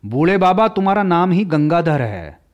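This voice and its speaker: A man voicing a curious, tender-hearted young girl who asks bright, pleading questions in a storybook reading. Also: on the high side, very animated, normal speed, dull audio.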